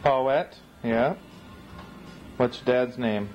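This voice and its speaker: A man's voice: medium pitch, takes it slowly, music in the background. A man filming his family, asking a toddler playful, coaxing questions in casual chat, heard through a camcorder mic. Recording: muffled noisy 1990s camcorder audio.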